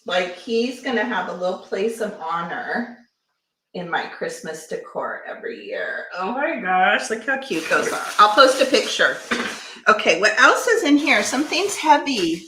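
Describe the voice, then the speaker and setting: A woman chatting excitedly as she opens gifts on her craft vlog, gasping and exclaiming often. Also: mid-range voice, unhurried, slight background noise. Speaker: craft vlogger. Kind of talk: casual unboxing chat. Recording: echoey room.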